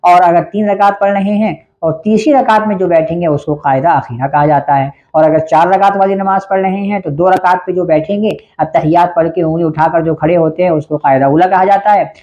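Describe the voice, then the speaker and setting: A man with a warm, mellow voice gives a religious lesson on how to pray. He speaks earnestly and explains each step. He repeats Arabic prayer phrases slowly and carefully so the listener can copy the pronunciation. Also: sits high, highs cut off. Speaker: religious teacher.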